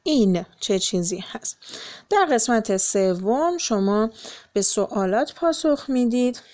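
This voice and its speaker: A woman's voice: fairly high pitch, lively intonation, a little mellow. A young woman teacher going through an English textbook lesson for children, explaining each step patiently and translating every phrase. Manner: patient, explains then translates, many fillers.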